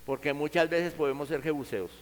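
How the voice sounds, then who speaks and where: A man's voice: on the high side, a little fast, big-room sound, low-quality recording. A man preaching a sermon to his congregation, speaking earnestly and conversationally, acting out vivid quoted examples.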